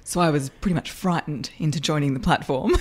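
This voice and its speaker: Middle-aged woman voice coach, upbeat interview guest who laughs often, lowish voice. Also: brisk. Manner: lively, laughs often, self-deprecating. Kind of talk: podcast interview.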